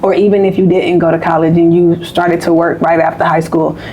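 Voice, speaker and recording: A woman's voice: fairly low pitch, flat delivery, fairly quick, warm tone, slight background noise, poor audio. A woman in her late twenties or thirties, co-hosting a podcast in candid, emphatic casual conversation. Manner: candid, emphatic, repeats phrases. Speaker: podcast co-host.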